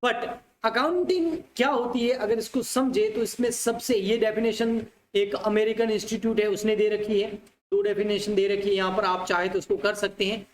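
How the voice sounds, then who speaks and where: A man's voice: sits high, steady tone, normal speed, a little hiss or hum. A male teacher giving an online commerce lecture, repeating points and asking his students questions, calling them dear children. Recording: echoey room, faint ambience.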